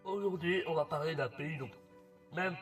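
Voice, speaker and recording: A man's voice: a little high, moderate pace, distant mic, faint music behind. A teenage boy from Belgium, talking eagerly to viewers in an old YouTube video. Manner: eager, chatty, addressing viewers.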